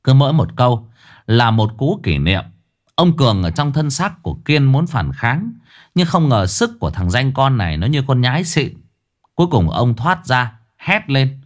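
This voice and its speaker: Lively male ghost story narrator. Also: mid-range voice, moderate pace.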